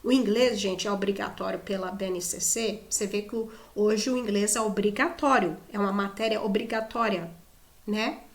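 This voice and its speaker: A woman's voice: medium pitch, steady tone, moderate pace, echoey room. A Brazilian woman teaching English in casual Portuguese, chatty, often adding "né?" and restarting words. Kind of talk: casual video lesson.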